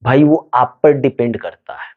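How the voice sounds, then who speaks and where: A man's voice: medium pitch, moderate pace, narrow, tinny audio. A man giving motivational study advice to students, asking questions and answering them himself.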